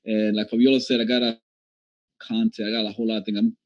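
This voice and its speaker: Low-voiced man presenting over a call. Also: quick pace. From Puerto Rico and Dominican Republic. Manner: relaxed and chatty, with frequent fillers. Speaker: guest presenter. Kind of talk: casual presentation on a video call. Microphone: video call. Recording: dull lo-fi call audio.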